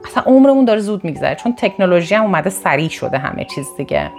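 A woman from northern Iran gives a motivational talk, her voice sitting a little low for a woman. She swings up sharply in pitch to stress her points and often backtracks to rephrase. Soft music plays faintly underneath. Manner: animated, with sudden emphatic rises in pitch; repeats and corrects herself mid-sentence. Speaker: motivational speaker. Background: faint background music.

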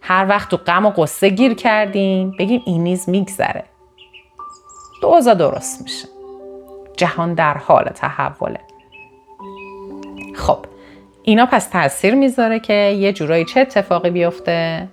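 A woman from northern Iran giving an animated motivational talk to her viewers. She often jumps up in pitch for emphasis and restarts or corrects herself mid-sentence. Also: long pauses. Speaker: motivational speaker. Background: faint background music.

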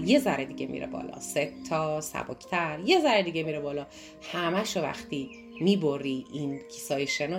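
Animated Persian-speaking woman teaching over music. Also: low voice. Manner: animated, asks and answers own questions. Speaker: NLP course teacher. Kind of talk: motivational lesson talk. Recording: clear background music under voice.

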